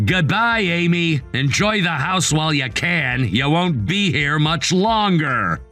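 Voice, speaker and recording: A man's voice: on the high side, sing-song, slow pace, pushed and bright, soft background music, heavily acted. A man voicing a betrayed young husband in a dramatized text story, curt and icy. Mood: cold.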